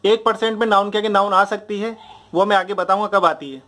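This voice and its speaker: High-voiced man teaching grammar patiently. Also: fairly even intonation, a little fast, bright, forceful tone. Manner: explains patiently, repeating drills and checking understanding. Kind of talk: Hindi grammar lesson at a board.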